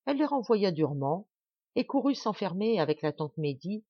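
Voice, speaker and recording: Woman reading an audiobook, measured. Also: medium pitch, very animated, breathy edge, no echo, highs cut off. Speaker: audiobook reader. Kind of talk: audiobook narration.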